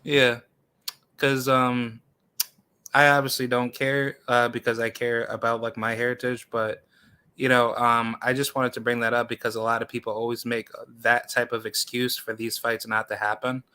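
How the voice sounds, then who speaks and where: Smooth-voiced man asking rambling questions. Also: mid-range voice, level tone, moderate pace, pushed and bright. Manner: rambling, many fillers like "you know". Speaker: interviewer. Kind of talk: live stream interview.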